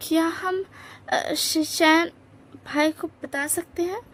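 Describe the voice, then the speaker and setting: A woman voicing a timid young man who speaks quietly, stammering and apologizing. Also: very high-pitched, steady tone, takes it slowly, full character voice. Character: timid soft-spoken young man, hesitant.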